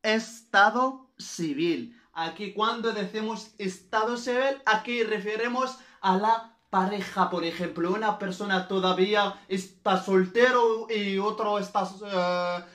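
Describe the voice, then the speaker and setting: A Spanish teacher from Morocco, a native Arabic speaker with a Moroccan accent, gives an unscripted grammar lesson full of examples. His high, fairly bright voice moves at a measured pace with hardly any pauses, and the sound is roomy. He teaches repetitively and didactically, often adding checking tags.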